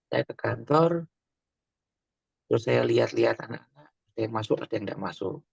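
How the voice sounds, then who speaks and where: A man's voice: medium pitch, expressive, moderate pace, creaky, darkish tone, breathy edge, dry recording. A man, a radio guest telling a personal testimony in a chatty way, slipping into phrases. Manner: chatty, mixes in Javanese phrases. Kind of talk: casual radio storytelling. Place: radio studio. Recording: dull, lo-fi radio broadcast audio.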